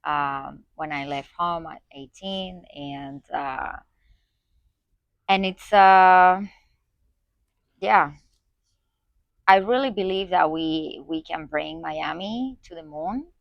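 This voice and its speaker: A woman's voice: deep voice, slow pace, gravelly, pauses often, no room sound, muffled recording. A woman from Spain, a guest in an interview, talking about her work with many fillers and restarts. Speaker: guest, community organizer. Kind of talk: conversational interview.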